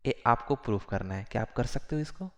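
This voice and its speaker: A male physics teacher giving a classroom lecture, repeating phrases slowly and mixing Hindi with English. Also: mid-range voice, animated, fairly bright tone.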